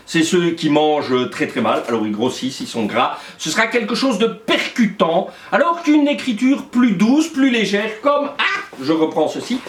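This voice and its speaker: A man's voice: on the high side, a bit bright, reverberant. A male teacher explaining a lesson in a playful way, with frequent hesitations. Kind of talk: classroom lesson.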